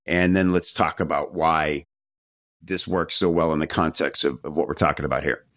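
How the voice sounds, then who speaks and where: A man's voice: very deep voice, steady tone, normal speed, a bit bright, no echo, clean studio sound. A man hosting a podcast interview, chatting casually with frequent "you know" fillers. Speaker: podcast host.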